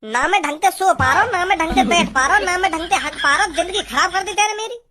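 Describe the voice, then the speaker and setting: An actor doing a squeaky, angry village man. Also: quick pace, over a noisy crowd. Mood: accusing. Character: angry rural village man, a patient, quarrelsome and loud. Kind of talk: cartoon voice acting.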